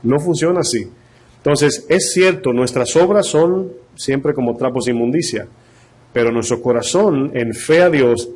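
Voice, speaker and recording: A man's voice: medium pitch, a little mellow, husky. A male pastor. He talks animatedly, throwing rhetorical questions at his listeners. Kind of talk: sermon.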